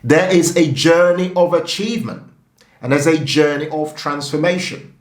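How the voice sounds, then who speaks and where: A man's voice: fairly high pitch, normal speed, reverberant. A man, a personal finance YouTuber, coaching his viewers straight to camera in an emphatic way and checking in with them often. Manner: emphatic, animated, keeps checking in with "okay?". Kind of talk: direct-to-camera coaching talk.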